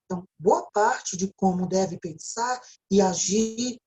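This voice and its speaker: Slow and a little mellow, a medium-pitched female teacher with a Brazilian Portuguese accent delivers a recorded video lecture. She goes step by step, regularly checking in with tag questions.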